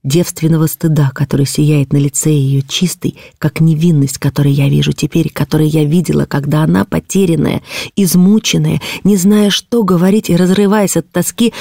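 Audiobook: woman playing desperate noblewoman, breathless indignation, warm dark timbre. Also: on the low side, gravelly, no echo, studio quality. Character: distraught noblewoman defending her ward, impassioned. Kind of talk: audiobook character reading.

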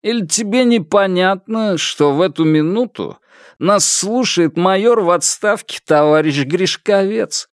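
A man's voice: sits high, a little slow, no room sound, studio quality, voice pushed up. A man voicing a lazy, mocking young man in an audiobook, drawling and sneering without hurry. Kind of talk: audiobook character voice.

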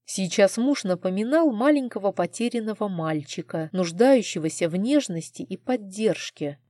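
Warm-voiced woman narrating a novel. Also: medium pitch, dry recording, clean studio sound. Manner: emotional, heartfelt reading. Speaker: audiobook narrator. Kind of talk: first-person novel narration.

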